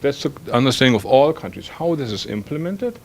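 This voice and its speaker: A man's voice: medium pitch, very animated, brisk, creaky. A man from Germany with a German accent, speaking on an academic panel and thinking aloud with many fillers and restarts.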